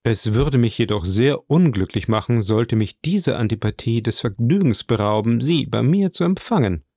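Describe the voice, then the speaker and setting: A man voicing a suave, composed count who speaks with polished, measured courtesy. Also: mid-range voice, expressive, dark tone, dry recording, clean studio sound. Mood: assured.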